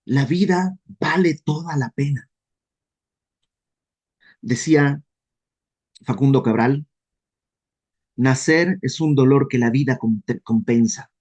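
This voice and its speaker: A man with a Mexican accent leading a casual verse-by-verse Bible study, lively and self-deprecating, often acting out questions in quoted voices. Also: mid-range voice, slow, long pauses. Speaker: Bible teacher.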